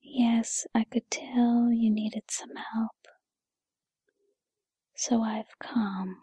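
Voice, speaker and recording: A woman playing a gentle, patient fairy godmother in a whispered role-play, with a breathy whisper and a soothing, encouraging manner. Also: on the high side, steady tone, dry recording, full character voice. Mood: gentle, reassuring. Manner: soothing, encouraging, unhurried second-person address.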